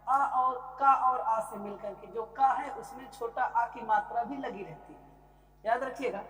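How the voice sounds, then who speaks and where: A woman teaching an exam-prep grammar lecture, asking questions and then answering them, drawing out example words slowly. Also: fairly high pitch, a little mellow. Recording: echoey room with long reverb.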